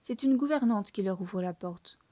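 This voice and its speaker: A woman reading a children's book aloud in French with lively, expressive storytelling. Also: mid-range voice, moderate pace, dry recording. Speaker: storybook reader.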